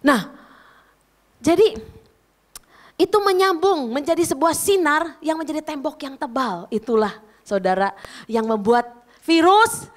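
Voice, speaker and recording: Woman pastor, high voice, lively conversational preaching, addresses the congregation directly. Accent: Indonesian. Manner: animated preaching, often addresses listeners as "saudara". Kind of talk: sermon.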